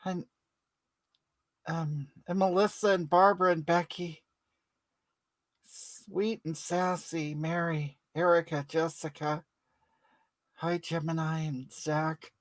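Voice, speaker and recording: Performer putting on a brash older woman, chatty livestream host, rambling, mid-pitched, dry close sound. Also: little pitch movement, takes it slowly, pauses often, dry recording, close to an everyday voice. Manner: chatty, greets viewers by name, rambling. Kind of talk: comedic livestream character.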